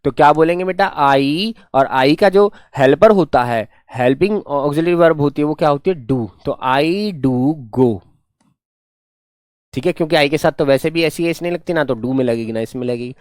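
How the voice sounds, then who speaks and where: A man's voice: on the high side, brisk, few pauses, no echo. Man, grammar teacher, online class, repetitive, patient, dry voice. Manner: patient, repetitive, calls students "son".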